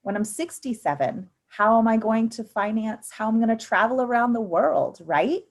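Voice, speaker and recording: A woman's voice: fairly high pitch, lively intonation, normal speed. A woman in her thirties leading an online youth finance workshop, upbeat and encouraging, with frequent ums, speaking into a computer mic on a video call. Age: 30s. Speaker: financial literacy presenter.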